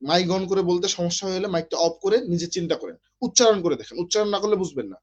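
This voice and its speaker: A man's voice: high-pitched, fast, husky. A man from Bangladesh teaching an online literature class, explaining step by step and often checking with his students.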